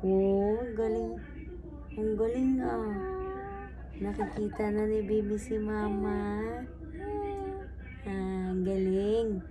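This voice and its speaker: A woman, a mother, talking baby talk to her infant in a home video, cooing softly and asking the same questions over and over. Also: mid-range voice, muffled recording. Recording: steady background noise.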